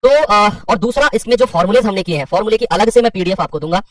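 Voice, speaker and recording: A quick-talking man with a high voice walks through sums out loud and says sorry each time he corrects a slip. The sound is dry, with the mic set a little away from him. He addresses his students casually as "bachche" and "bhai.". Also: expressive, no echo, recorded from a distance, poor audio. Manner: works sums aloud, corrects himself with quick sorries. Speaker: exam prep teacher. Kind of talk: online math lesson.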